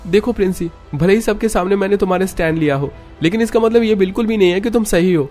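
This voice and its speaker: A man doing a stern young husband in a high voice. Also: expressive, normal speed, darkish tone, faint music behind. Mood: scolding. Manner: lecturing, raised high voice.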